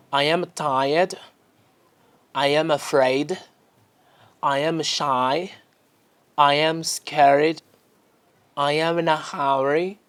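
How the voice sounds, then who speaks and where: A man teaching English online, with a voice pitched a little above the usual for a man. He reads English phrases slowly, repeats them and then translates and explains them patiently. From Angola. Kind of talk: online English lesson in Portuguese.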